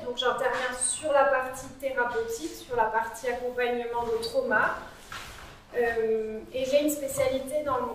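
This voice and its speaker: Speaking away from the microphone, a woman psychologist talks casually with a small audience in a cool meeting room, often filling gaps with "euh" during this interactive conference talk. Her pitch is fairly high. The distant recording is very echoey, with a bit of hiss or hum.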